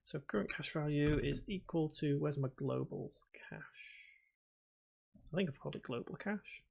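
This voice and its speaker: This man's voice is fairly high yet darkish in tone, gravelly with a breathy edge, and he sounds animated at a normal speed. A faded Scouse accent marks him as from the Liverpool area of England. He runs a casual game development tutoring livestream, chatting and answering viewer comments while mumbling to himself as he works.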